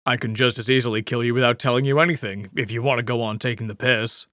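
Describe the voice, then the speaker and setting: A man's voice: medium pitch, steady tone, fast, fairly bright tone, dry recording, studio quality, close to an everyday voice. A man voicing a secretive, defensive middle-aged man, answering in short, evasive replies. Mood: guarded. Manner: terse, evasive.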